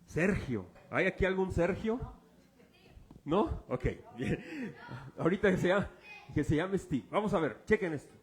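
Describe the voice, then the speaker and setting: A man's voice: high voice, very animated, measured pace. A man preaching a sermon as pastor, informal and joking, quizzing his congregation with fill-in-the-blank questions. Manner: informal and joking, uses object illustrations.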